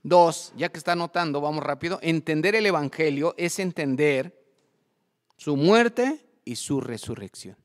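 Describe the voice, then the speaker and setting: A male pastor, speaking in a fairly high voice. He preaches a church sermon and keeps quizzing his listeners with call-and-response questions. His voice carries a long reverb from a church hall. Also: lively intonation, measured pace. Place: church service.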